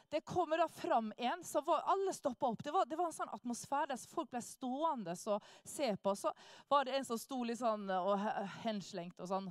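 A woman telling a lively personal testimony. She acts out the people she quotes and laughs often. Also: on the high side, no room sound, studio quality. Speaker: speaker sharing a testimony.

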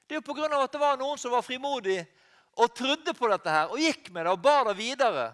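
A Norwegian man preaching a sermon in a high, lively voice that swoops up and down. He talks to the congregation directly, breaks off to fix his own words, and climbs to loud cries at the peaks. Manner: animated preaching, rising to loud cries, with restarts and self-corrections.

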